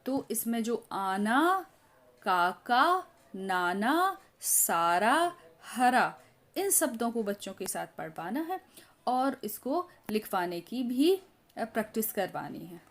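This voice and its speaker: A woman teacher from India explaining a lesson step by step, pausing often with fillers and drawing out example words as if for young children. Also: fairly high pitch, very animated. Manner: slow, halting explanation with many filler pauses; models words for children in drawn-out syllables. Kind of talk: teacher training walkthrough of a workbook lesson.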